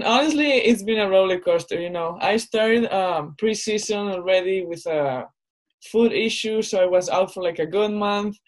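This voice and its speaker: A woman's voice: mid-range voice, poor audio. A young woman from northern Spain, a college basketball player talking casually as a podcast guest. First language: Spanish. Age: young adult. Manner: relaxed, conversational, many fillers like "you know". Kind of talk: casual interview.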